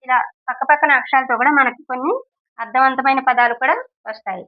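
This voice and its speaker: A woman teaching children to read, sounding out syllables and two-letter words one at a time in a slow, deliberate lesson. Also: high voice, steady tone. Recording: tinny phone-like sound.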